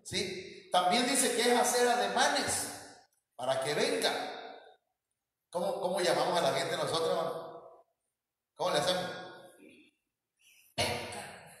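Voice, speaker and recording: A man's voice: high-pitched, expressive, moderate pace, long pauses, a bit bright. A man preaching and praying with a Mexican Spanish accent, fervent and dramatic. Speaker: pastor. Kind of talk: sermon and prayer. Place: church hall. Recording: echoey hall, distant mic.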